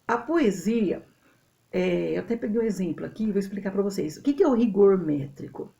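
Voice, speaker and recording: A Brazilian woman with a Brazilian Portuguese accent teaches a literature lesson to a camera, recorded on the camera mic. Her mid-range, gravelly voice moves fairly quickly as she explains step by step in an animated way, using tag questions to check her students follow.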